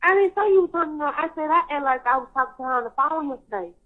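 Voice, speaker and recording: A woman's voice: high voice, very fast. A woman talking casually on a payphone call, rambling as she retells things with many fillers. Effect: heard over a payphone call line. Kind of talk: casual phone chat. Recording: tinny jail phone line.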